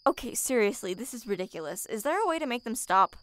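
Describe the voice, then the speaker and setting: A woman's voice: on the high side, sing-song, quick pace, a bit bright, clear, resonant tone, dry recording, clean studio sound. A woman voicing an awkward, resentful pony princess of the night in a cartoon parody, speaking in a hesitant, put-upon, understated way. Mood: uncomfortable. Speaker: voice actor in a parody dub.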